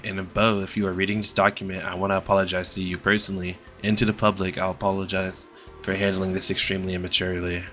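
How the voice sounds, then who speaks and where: A young man reading a somber scripted apology as an online creator, serious and measured, sometimes stumbling over his words. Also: deep voice, level tone, fairly bright tone, faint music behind.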